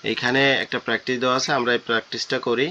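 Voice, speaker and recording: A man's voice: mid-range voice, little pitch movement, very fast, pushed and bright, dull audio, a little hiss or hum. A man teaching an online Quran recitation class, repeating each syllable several times for students. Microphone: online class, computer mic.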